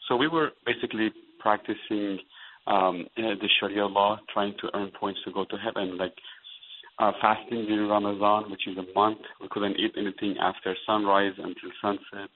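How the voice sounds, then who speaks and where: A man from Iran speaks in a low voice over a tinny phone line. He tells his story in an earnest, halting way, pausing often and filling the gaps. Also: steady tone. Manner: earnest, halting with many fillers. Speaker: pastor and interview guest. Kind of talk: phone interview.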